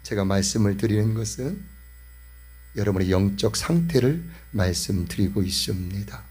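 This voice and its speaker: A man's voice: fairly low pitch, moderate pace, darkish tone, breathy edge. A male pastor preaching a sermon with impassioned, emphatic repetition.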